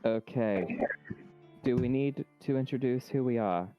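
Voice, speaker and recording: A man's voice: medium pitch, unhurried, highs cut off, faint music behind. A man chatting as a player at a tabletop game, playful and upbeat. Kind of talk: casual tabletop game chat.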